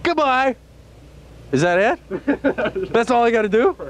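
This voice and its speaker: A man's voice: extremely high pitch, lively intonation, takes it slowly, crowd noise. A man working as a radio DJ, chatting casually on air with a jokey, self-deprecating showman manner.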